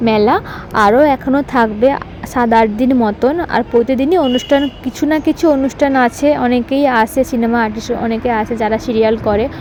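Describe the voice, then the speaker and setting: A hoarse, soft-spoken woman with a slightly high voice talks casually through a vlog voice-over. She chats straight to her viewers in an easy way. A faint hum of noise sits behind her. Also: steady tone, fairly quick, rough recording. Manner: chatty, addresses viewers directly. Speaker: vlogger.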